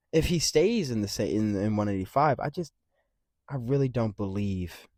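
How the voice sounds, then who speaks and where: A man hosting a casual fight-prediction rant, rambling and swearing freely, with big jumps in loudness. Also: fairly low pitch, dry recording, studio quality. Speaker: MMA commentary channel host.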